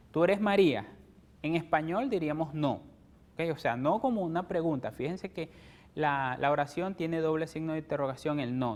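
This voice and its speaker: A man with a Venezuelan Spanish accent teaching an English grammar lesson, explaining step by step and checking in with "ok?" after nearly every point. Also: on the high side. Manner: explains step by step, ends phrases with "¿ok?". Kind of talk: televised classroom lesson.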